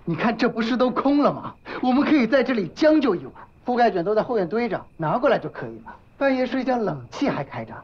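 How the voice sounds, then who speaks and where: An actress playing an excitable, sarcastic shop worker in a comic drama, swinging theatrically between exclamation and deadpan. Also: female voice, a little high, fast talker, hardly any pauses, breathy edge. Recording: muffled audio with background music.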